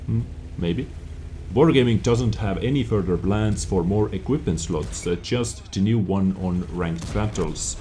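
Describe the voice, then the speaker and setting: A man's voice: on the low side, unhurried, dark tone, a little hiss or hum. A man casually commenting on game update news, reading out each point and reacting to it. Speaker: gaming video creator.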